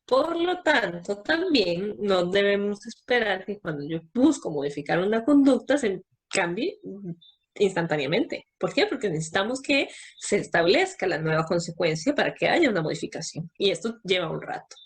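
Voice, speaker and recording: A woman's voice: medium pitch, sing-song, normal speed, breathy edge. A woman giving a talk to parents, explaining step by step and answering her own questions.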